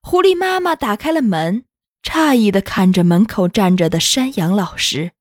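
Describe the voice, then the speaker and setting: A woman narrating a children's story in a gentle, unhurried, expressive reading. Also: medium pitch, no room sound, clean studio sound.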